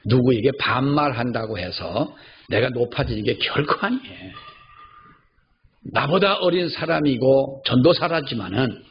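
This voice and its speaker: Older guy pastor preaching, gravelly voice, repeats stuff for emphasis, kinda dull recording. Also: mid-range voice. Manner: storytelling, emphatic repetition of key phrases. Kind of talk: sermon. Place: church. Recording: slightly dull recording, faint background noise.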